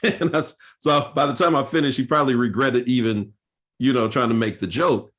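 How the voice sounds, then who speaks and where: A man's voice: mid-range voice, moderate pace, fairly bright tone. A male pastor speaking at a seminar, telling church history in an earnest, storytelling way with frequent fillers and restarts.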